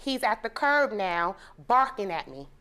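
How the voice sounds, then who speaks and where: A woman's voice: mid-range voice, unhurried, clear, resonant tone. A woman testifying as plaintiff on a TV court show, telling her story in a vivid, emotional way. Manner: vivid, animated retelling. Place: TV courtroom set.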